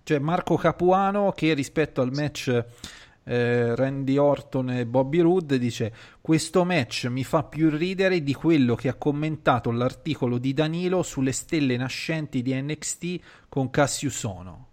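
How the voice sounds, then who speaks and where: A man with an average-pitched voice hosts a relaxed group talk show. He chats informally and likes to tease the others as he steers the conversation. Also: a little slow. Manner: teasing. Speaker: podcast host. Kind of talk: casual group chat.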